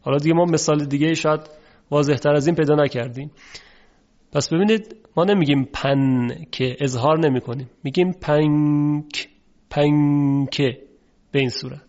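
Man, recitation teacher, recorded lesson, patient and formal, slowly stretched demonstrations, dull muffled audio. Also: fairly high pitch, a little mellow.

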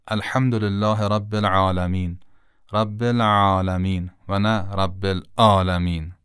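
A man teaches Quran pronunciation in a patient, explanatory way, slowing down to stretch out each sound he demonstrates. His voice sits low and comes across smooth and resonant. The recording is dry and close, with no room sound. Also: no echo. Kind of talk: pronunciation lesson.

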